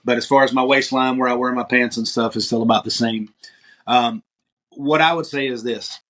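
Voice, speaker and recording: A man, a podcast guest, telling his story in casual interview talk, lively and acting out what others said. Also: medium pitch, moderate pace. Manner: lively storyteller, acts out quoted dialogue.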